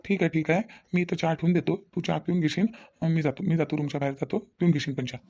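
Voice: medium pitch, fairly even intonation, fast, mellow, natural voice. A performer voicing a young husband in a cartoon, coaxing and pleading, caught between wife and mother, with a Vidarbha Marathi accent. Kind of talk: cartoon voice acting.

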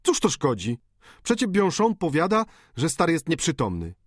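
A man's voice: on the high side, wildly swooping pitch, normal speed, no room sound, studio quality, pitched above the performer's own voice. A male audiobook reader voicing a mocking painter who jokes flippantly. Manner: flippant, joking. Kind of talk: audiobook character reading.

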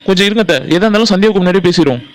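A man voicing a fast-talking earnest young villager. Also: high voice, lightly acted. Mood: pleading. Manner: pleading, reassuring, talks fast. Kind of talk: Tamil cartoon voice acting.

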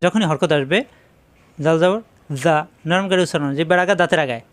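A man teaching letter pronunciation, briskly drilling syllables over and over. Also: fairly high pitch. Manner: brisk drilling, repeats syllables slowly then quickly. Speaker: Quran recitation teacher. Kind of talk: pronunciation lesson.

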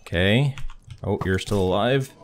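A man's voice: lowish voice, a little slow. A man giving casual video game commentary, muttering to himself as he plays. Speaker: gamer recording a playthrough. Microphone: headset or desk microphone, wearing headphones. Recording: clear background noise. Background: game sound effects with thunder.

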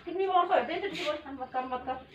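A woman's voice: sits high, quick pace, a little hiss or hum. A middle-aged mother from India scolding her son, nagging and repeating herself. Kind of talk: scripted family comedy argument. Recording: echoey room, distant dull mic.

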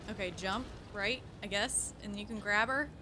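A woman's voice: medium pitch, normal speed, very noisy. Reactive woman gamer, scolding. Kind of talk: casual let's play commentary.

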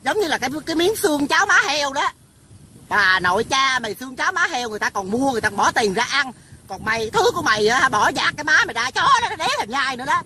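A woman's voice: high-pitched, sharp tone. A woman delivering a profane, insulting rant to camera outdoors. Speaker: online personality. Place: outdoors by a rain-filled pit. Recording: outdoor traffic noise behind.

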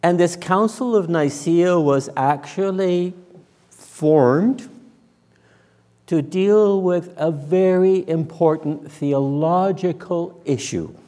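An older man delivers a conversational sermon in a mellow, soft-edged, fairly high-pitched voice, his words echoing through a large indoor church sanctuary. He talks slowly and deliberately, like a minister explaining things to his congregation.

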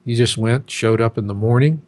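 A man's voice: medium pitch, a little fast, darkish tone. A man in his sixties, a guest in an interview, talking in an emphatic, casual way. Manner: emphatic, acts out chanting crowds in quotes.

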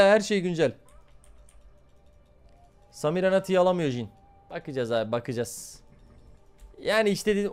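A young man streams a game live, reacting loudly and swearing in nearly every sentence. His voice sits high and swings widely, jumping up and down as he talks to his chat. He comes across as excitable and blunt. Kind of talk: live gameplay commentary.

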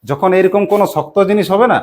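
A primary English teacher with a West Bengal Bengali accent speaks quickly in a darkish, medium-pitched voice. Her classroom lesson relies on call-and-response drilling, and she patiently repeats questions to prompt the pupils' answers.

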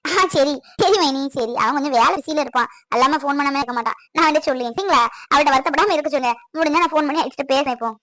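A woman's voice: high-pitched, racing, sharp tone, dry recording, voice pushed down. A woman playing a middle-aged mother who talks on the phone in a reassuring, chatty way, in a family skit.

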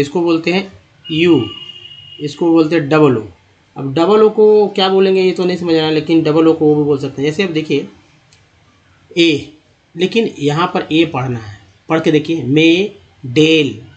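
A man with a slightly higher-pitched voice leads a spoken lesson on English pronunciation. He talks patiently and repeats himself. He slows down to spell out letters and sound out each word. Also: muffled recording. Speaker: English teacher.

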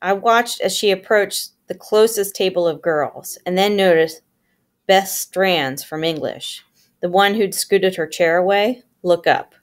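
A woman reading a novel aloud with steady storytelling, giving the characters their own voices. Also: fairly low pitch. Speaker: audiobook reader.

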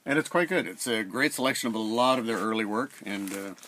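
A man's voice: lowish voice, expressive, fast talker, a bit bright, slight background noise. A middle-aged man talking casually about records at home, rambling with many fillers, close to the camera. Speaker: record collector vlogger. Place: home room with shelves of records. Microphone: camera at close range.

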